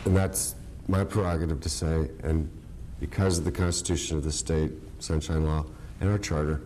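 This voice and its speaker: A man speaking as an official in a government meeting, halting and hesitant, with a quiver in his voice. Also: rumbling low, steady tone, dark tone, slight background noise. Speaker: county official. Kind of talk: unscripted formal remarks at a government meeting. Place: indoor government meeting room.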